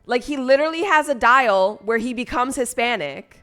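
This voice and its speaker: A woman streamer in casual chat, expressive and playfully defensive. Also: fairly high pitch, moderate pace, soft background music.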